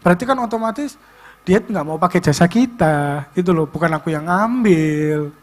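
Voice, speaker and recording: High-voiced man telling an animated story. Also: moderate pace. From Indonesia. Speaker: youth service speaker. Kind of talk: personal testimony.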